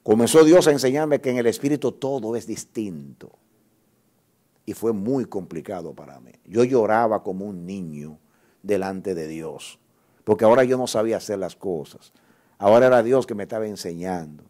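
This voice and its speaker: A man's voice: lowish voice, moderate pace, dark tone. A male guest pastor preaching a sermon, telling an emotional testimony with repeated words and reading scripture aloud with rising force.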